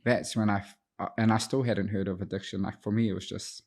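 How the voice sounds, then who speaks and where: Speaking fast in a husky, creaky voice that sits on the low side, a thirty-something addiction counsellor from Auckland talks as a podcast interview guest. His tone is steady and darkish, and his accent is a New Zealand one, shaped by growing up with Te Reo Māori. He reflects on his personal history, somewhat hesitantly.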